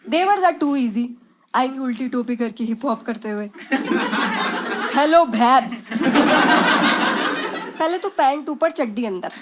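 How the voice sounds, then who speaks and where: A young woman working a stand-up crowd in a brash, chatty way, her voice sitting high and bright. She slips English phrases into her talk. Loud noise hangs under the recording. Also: expressive, normal speed. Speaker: stand-up comedian. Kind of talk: stand-up comedy set. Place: stage before a live audience.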